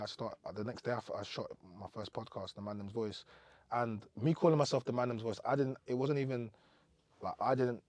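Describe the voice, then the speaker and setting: A young man from Cameroon, talking as a podcast guest in relaxed, rambling chat with plenty of fillers. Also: fairly low pitch. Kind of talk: casual interview chat.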